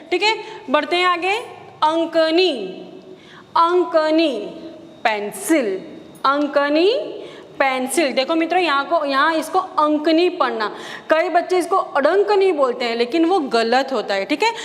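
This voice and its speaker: A woman's voice: high voice, lively intonation, normal speed, a bit bright, in a large hall. An Indian woman teaching a Sanskrit class, patiently repeating each word and giving its meaning. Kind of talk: recorded online class lesson.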